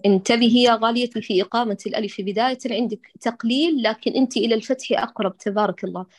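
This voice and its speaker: A woman's voice: on the high side, very fast, no room sound. A woman teaches Quran recitation in an online lesson, fixing each letter and repeating the correct sound for her student. She showers praise and blessings between corrections. The recording is dry and close, with almost no room sound. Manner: patient, correcting and modelling sounds, many blessings.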